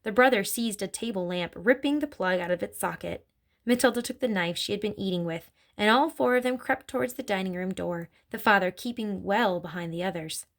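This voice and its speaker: A woman reading a children's story aloud in an expressive storytelling manner. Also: mid-range voice, a little fast. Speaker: narrator.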